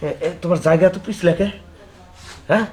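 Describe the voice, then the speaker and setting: A man's voice: high voice, steady tone, fast, a little mellow, close to an everyday voice. A man playing an old grandfather who has just married a young bride, bossy and suspicious in a comic drama. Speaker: old groom. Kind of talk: comic audio drama acting.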